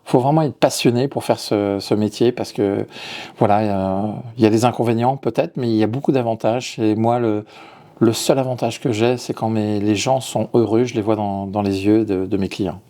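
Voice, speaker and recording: His voice is fairly low with a steady tone and moderate pace. He's a middle-aged chef and restaurateur from Lyon, France, answering an interviewer with frequent restarts and repeated words, hesitant but warm about his craft.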